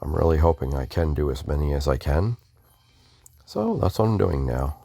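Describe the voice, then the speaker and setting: A man with a very deep, gravelly and warm voice casually comments on his video game playthrough at a normal speed. He is animated, mumbles offhand asides and restarts words. The recording is dry.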